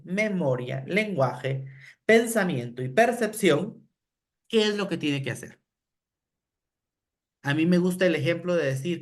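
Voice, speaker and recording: A middle-aged man with a Guatemalan Spanish accent gives a teacher-training lecture, explaining step by step and often asking rhetorical questions with a tag "¿verdad?". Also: on the high side. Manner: acts out classroom phrases in a raised voice. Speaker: education lecturer.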